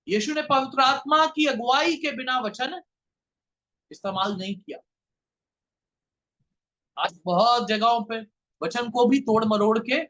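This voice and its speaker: A pastor delivers his sermon in an unusually high, bright and forceful voice. He preaches with fervour, repeating his phrases and throwing rhetorical questions at the congregation. He sounds like a man speaking from a church pulpit. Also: low-quality recording.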